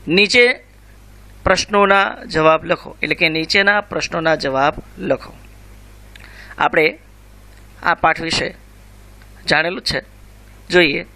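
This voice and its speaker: Slow, bright-voiced teacher. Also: male voice, on the high side. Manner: slow, careful recitation and explanation. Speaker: Sanskrit teacher. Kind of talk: school revision lesson.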